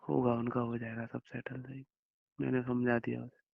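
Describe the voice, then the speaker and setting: A young man talks to his wife over the phone in a rough, gravelly voice. His pitch barely moves as he reassures her and rambles on with affectionate explanations. The recording is dull and muffled, like a phone call. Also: monotone, moderate pace, no echo. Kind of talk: intimate phone conversation.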